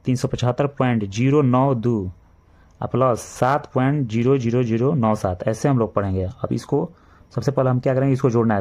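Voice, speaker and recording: A male maths teacher with a Bihari Hindi accent walks children through sums one step at a time. His voice sits at an ordinary middle pitch, and he repeats key points patiently. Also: dark tone. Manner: slow, repetitive step-by-step explaining, addresses children. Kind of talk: classroom maths lesson.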